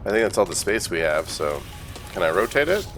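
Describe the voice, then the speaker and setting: Deep-voiced man with dry gameplay commentary. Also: sing-song, fairly quick, fairly bright tone, soft background music. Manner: dry, joking asides while reading game text aloud. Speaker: gaming video host.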